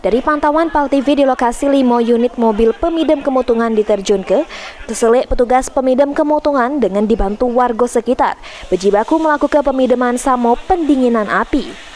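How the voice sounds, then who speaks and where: News narrator: woman, Palembang Malay accent, bright high read, faint noise. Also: brisk. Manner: reads a local news report in regional dialect. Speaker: news reporter.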